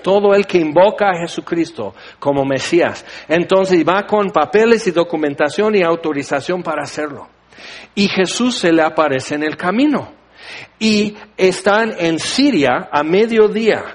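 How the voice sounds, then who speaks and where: A man delivers a sermon in a high, light voice. He keeps it animated and playful, dropping into little acted-out bits of the figures he talks about. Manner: animated, acts out biblical figures with humor. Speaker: preacher.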